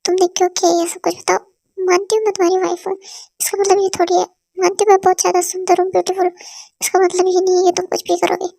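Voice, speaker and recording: A woman voicing a hot-tempered young wife, very high and flat. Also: creaky, no room sound, clean studio sound. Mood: scolding. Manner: rapid angry tirade, piling up insults. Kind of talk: amateur fan-dub drama reading.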